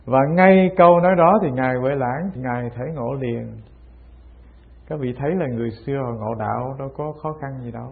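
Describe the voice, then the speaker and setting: A man, a Buddhist teacher giving a Zen dharma talk and acting out the dialogues of old masters as he tells their stories. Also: medium pitch. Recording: tinny phone-like sound.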